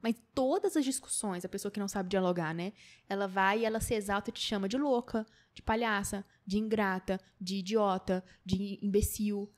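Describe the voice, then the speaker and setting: A young adult woman hosting a podcast, telling stories in a casual, animated monologue and acting out quotes. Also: normal speed. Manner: animated storytelling, acts out quotes with shrill high voice. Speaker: podcast host.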